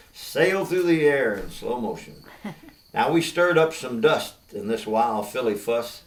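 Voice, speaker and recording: An older American man with a folksy cowboy twang, telling stories and reciting cowboy poetry. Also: medium pitch. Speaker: cowboy poet. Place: inside an old log barn. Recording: roomy echo, distant microphone.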